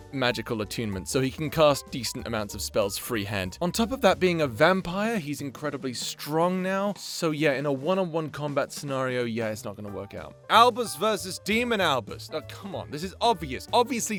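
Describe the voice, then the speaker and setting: A slightly high, fairly bright male voice belongs to the creator and host of a fan-facing channel. He offers casual, meandering commentary, swearing freely and keeping things conversational.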